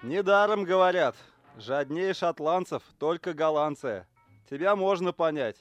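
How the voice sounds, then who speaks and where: A man reading the part of a calm police officer who thinks things over and speaks in a measured, reasonable way. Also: fairly high pitch, faint music behind. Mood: pondering. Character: calm, pondering adult male cop partner. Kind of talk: audiobook character reading.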